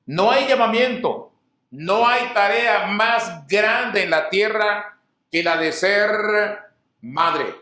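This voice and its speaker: High-voiced man preaching in an echoey church. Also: slow, bright, forceful tone. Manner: asks the congregation rhetorical questions and answers them; repeats and rephrases key phrases. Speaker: pastor. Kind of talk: sermon. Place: church hall. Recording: roomy church hall echo.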